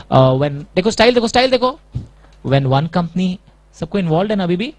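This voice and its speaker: A man's voice: high voice, dry recording. A middle-aged male teacher giving a playful classroom lecture, mixing English lines into his teaching.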